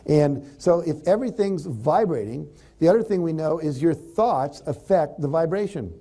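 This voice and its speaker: A man's voice: on the high side, expressive, normal speed, warm tone. A man giving a conversational motivational talk to an audience, animatedly acting out example thoughts. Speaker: motivational speaker.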